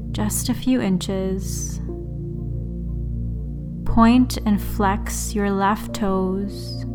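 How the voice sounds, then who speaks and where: A woman leading a guided relaxation meditation in a soothing, unhurried sleep-story manner, leaving long pauses. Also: mid-range voice. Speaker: yoga and meditation teacher, host. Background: background music.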